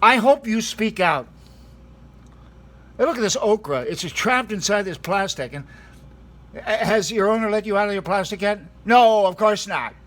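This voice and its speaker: Guy with a high bright voice, earnest fake talk show host in a studio. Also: animated, moderate pace. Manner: earnest, mock-serious, interviewing food. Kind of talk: deadpan mock talk show.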